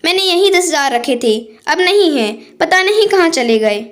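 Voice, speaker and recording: A woman's voice: extremely high pitch, animated, moderate pace, fairly bright tone, voice pushed up. A woman voicing a stern, suspicious older mother-in-law who scolds her household in a storybook tale.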